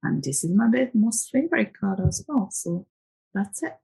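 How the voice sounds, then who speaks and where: A woman's voice: mid-range voice, very animated, normal speed, vocal fry, a little mellow, a little hiss or hum. A woman from Japan, a native Japanese speaker, rambling casually and reflectively about tarot in a vlog. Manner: chatty and reflective, many fillers and restarts. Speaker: tarot vlogger.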